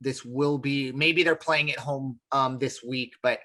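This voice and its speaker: A man's voice: mid-range voice, fairly even intonation, a little slow, sharp tone. A man co-hosting a casual sports podcast, rambling with lots of fillers and restarts. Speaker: podcast co-host.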